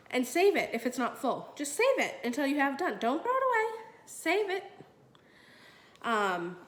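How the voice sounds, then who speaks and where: A woman with a somewhat high, nasal voice talks through a product demo in a relaxed, chatty way. Her nose sounds stuffed up, and she drops in fillers as she goes. The room around her gives a noticeable echo. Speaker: product review vlogger. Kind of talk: casual demo vlog.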